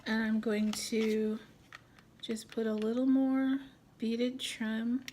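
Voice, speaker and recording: A woman's voice: on the high side, level tone, slow, noisy background. A middle-aged woman hosting a casual crafting tutorial at home, chatting and thinking aloud as she works. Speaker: craft video host.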